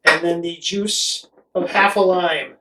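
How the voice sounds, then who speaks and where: A middle-aged vlog host from Connecticut, in the United States, chats casually to camera, explaining things in a rambling, conversational way. His high voice is steady and slow, and the recording is very noisy, with roomy echo and a distant mic.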